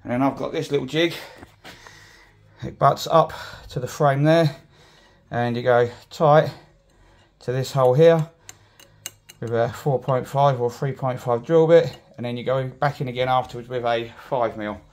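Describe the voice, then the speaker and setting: A man's voice: medium pitch, unhurried, a little mellow. A man, talking through a joinery job step by step in a casual how-to, recorded on a handheld phone indoors. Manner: plain-spoken, talks while working, swears now and then. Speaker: joiner showing a build. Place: indoors on a job site with stairs.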